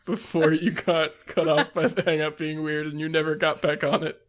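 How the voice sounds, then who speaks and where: A woman's voice: sits low, level tone, normal speed. A woman co-hosting a podcast, chatting casually with short agreeing replies and dry asides. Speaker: podcast co-host. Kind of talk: casual chat.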